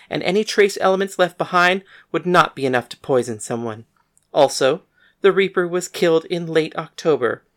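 A woman voicing a bold, frank young gunslinging woman in an audiobook, speaking in a blunt, matter-of-fact way. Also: low-pitched. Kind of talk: audiobook character voice.

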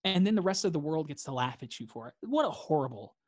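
A man's voice: on the high side, big pitch swings, fast talker, no echo. A man, a guest in a reflective interview, talking earnestly and repeating phrases for emphasis.

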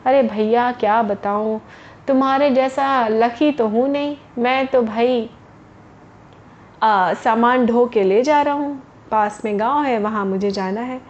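A woman voicing a humble, simple-minded village porter man, speaking slowly and hesitantly in a storybook tale. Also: fairly high pitch, a little mellow, muffled recording. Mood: plain.

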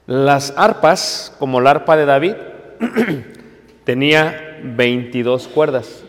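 A man teaching a class, explaining step by step and often checking in with his listeners. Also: mid-range voice. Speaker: teacher of biblical Hebrew. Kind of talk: classroom lecture. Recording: long hall reverb.

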